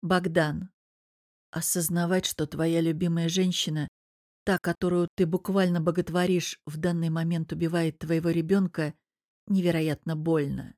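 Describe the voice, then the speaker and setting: A woman narrating a novel in the first person as an audiobook, with a measured, even reading. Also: lowish voice, dry recording, clean studio sound.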